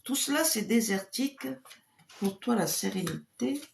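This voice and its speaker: A cheerful woman clairvoyant with a mid-range voice answers viewers' questions on a live stream. She chats freely between readings. Her voice sinks to a quiet murmur when she asks her angels for help. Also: lively intonation, measured pace, vocal fry, background noise. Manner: cheerful and chatty, drops to a low murmur for invocations. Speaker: clairvoyant doing pendulum readings.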